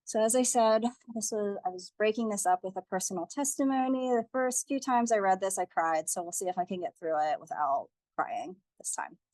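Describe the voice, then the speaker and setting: A woman's voice: medium pitch, brisk, hardly any pauses, no room sound. Earnest woman presenting a teach-in. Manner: earnest, steady, reads statistics and a testimony aloud.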